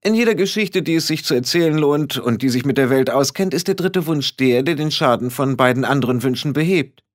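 A man doing a calm, stern old witch. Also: medium pitch, natural voice. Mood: commanding. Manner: calm, commanding, unhurried.

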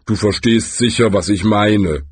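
A man doing a slow, gloomy giant troll. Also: slightly rough, dry recording. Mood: firm. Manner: slow, deliberate and rumbling. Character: huge old male troll, slow and gloomy.

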